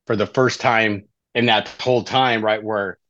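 A man's voice: lowish voice, fairly even intonation, measured pace, fairly bright tone, no echo. A middle-aged man from Southern California, a life coach telling his story as a guest in an interview, in a conversational way that keeps tagging lines with "right?". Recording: dull, slightly lo-fi dry audio.

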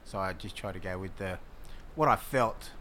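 A man's voice: low voice, moderate pace, bright, forceful tone, slight background noise. A man with an Australian accent hosting a casual sports interview in an informal, chatty way. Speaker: interviewer, host.

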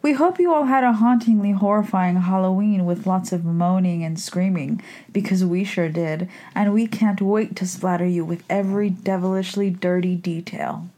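A woman plays a vampire hostess of a campy horror show. Her voice is mid-pitched, and she delivers scripted lines with theatrical, macabre playfulness. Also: normal speed, dark tone, lightly acted. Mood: playful, macabre.

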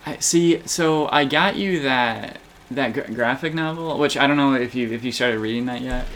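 A man chats casually, his speech halting and full of stammers and restarts. His pitch sits in an ordinary middle range. A faint hiss of background noise sits under his voice. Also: fairly bright tone. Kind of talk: casual chat.

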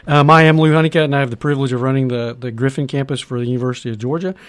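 A man's voice: mid-range voice, steady tone, racing. A man hosting a radio interview show, speaking in a rambling way and restarting his sentences. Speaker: radio show host, campus head.

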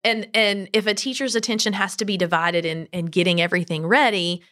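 A woman talking as a podcast guest, telling stories in an informal, animated and emphatic way. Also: mid-range voice, a little fast. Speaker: podcast guest, travel business owner. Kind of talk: conversational interview storytelling.

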